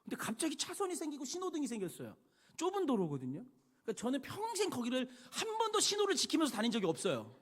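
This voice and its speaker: A male pastor giving a sermon, telling personal stories with animated swings between hushed and loud delivery. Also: very high voice, fast. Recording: long hall reverb.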